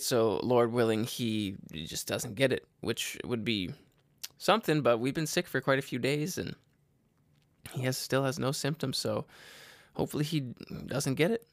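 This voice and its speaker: A man hosting his own podcast, tired and unwell, talking in a low-energy, rambling way with lots of fillers and restarts. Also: a bit bright, no room sound. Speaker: podcast host. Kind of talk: casual solo podcast update.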